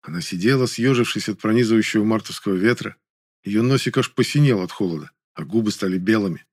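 A man calmly narrating an audiobook in the first person, in a measured way. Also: fairly low pitch, no room sound, clean studio sound.

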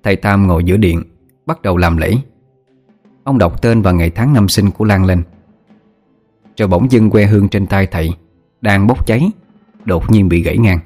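Male audiobook narrator, fairly low voice, measured horror storytelling over soft music.

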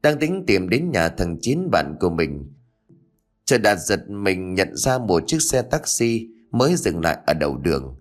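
A man telling a ghost story with a low, deep voice. His delivery is dramatic, rising and falling widely in pitch to build tension. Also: big pitch swings, unhurried.

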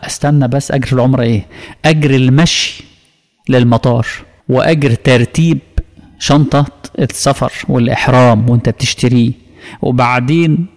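A man's voice: mid-range voice, a little mellow, in a large hall. A man with an Egyptian Arabic accent teaching a religious lesson, emphatic and full of rhetorical questions. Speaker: preacher teaching a creed course.

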